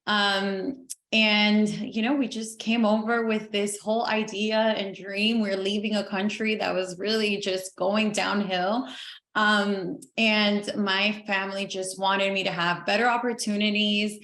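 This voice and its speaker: A woman's voice: medium pitch, steady tone, a bit bright. Talkative woman in an echoey room. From Venezuela. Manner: talkative, upbeat, quick to laugh. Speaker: podcast guest. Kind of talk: casual interview chat.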